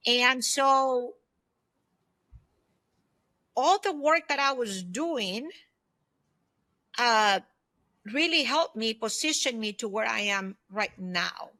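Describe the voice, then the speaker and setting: A woman in her fifties, a solopreneur consultant who once was an aerospace executive, shares personal experience and advice as a guest in a conversational interview. Her fairly high voice has a distinctly bright, forward edge, and she speaks animatedly but slowly, with long pauses. She drives her points home emphatically, frequently asking herself questions as she explains.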